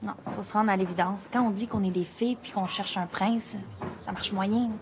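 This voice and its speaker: A woman's voice: mid-range voice, steady tone, moderate pace, noisy background, close to an everyday voice. An actress playing a bold, teasing young woman with a Québécois accent in film dialogue. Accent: Québécois French. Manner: brash and teasing. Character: bold, cheeky young woman hunting for a prince. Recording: music underneath.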